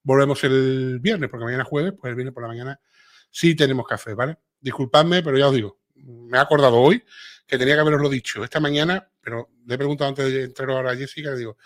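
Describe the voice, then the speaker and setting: A middle-aged man from Seville speaks with a clear Andalusian accent, hosting a relaxed livestream. His voice sits at an ordinary, middle pitch. He chats loosely, reads viewers' comments aloud, and peppers his talk with little tag questions. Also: quick pace. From Seville, Spain. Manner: chatty, reads viewer comments aloud, frequent filler tags. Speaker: livestream host. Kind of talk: casual live chat with viewers.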